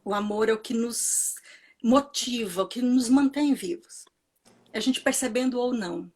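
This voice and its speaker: A woman's voice: fairly high pitch, a little slow, darkish tone. Earnest Brazilian woman giving a reflective talk. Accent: Brazilian Portuguese. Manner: earnest, repeats phrases for emphasis. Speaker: speaker at a commemoration.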